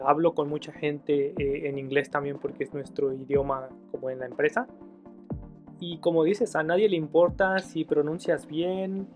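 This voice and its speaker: A Mexican man hosting an interview, talking in a reflective, rambling way with many fillers. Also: fairly high pitch. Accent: Mexican Spanish. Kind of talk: casual conversational interview.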